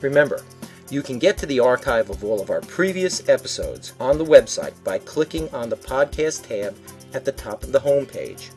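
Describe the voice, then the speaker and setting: A man's voice: mid-range voice, animated, normal speed, faint music behind. A man co-hosting a podcast, reading a prepared script in an instructive way. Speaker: podcast co-host.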